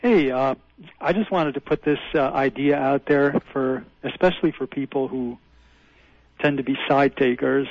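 A man's voice: mid-range voice, fairly even intonation, moderate pace, no echo. A man calling in to a radio show over the phone, laying out his view earnestly and insistently. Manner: earnest, insistent, explaining a theory. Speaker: radio call-in caller. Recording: dry, muffled phone line.

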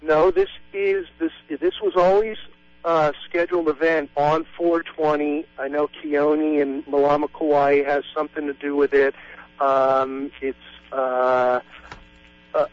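Hesitant man calling in over the phone. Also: on the high side. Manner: hesitant, many fillers and restarts. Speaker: radio call-in caller. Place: Hawaii. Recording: muffled phone line.

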